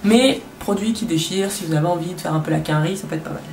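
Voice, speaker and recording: A young woman chats away about her hair routine, crude and quick to mock herself. She sounds a little off-mic, in a roomy, echoey bathroom. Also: fairly low pitch, gravelly, far from the mic, noisy background. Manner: chatty, crude, self-mocking. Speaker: beauty vlogger. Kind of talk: casual chat. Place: home bathroom.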